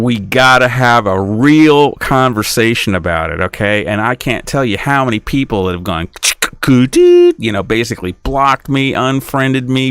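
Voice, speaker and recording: A man's voice: medium pitch, fairly bright tone, clean tone, no room sound. A man hosting a podcast, talking in a rambling, indignant monologue and acting out imagined back-and-forth dialogues. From United States. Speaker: podcast host. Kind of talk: casual monologue.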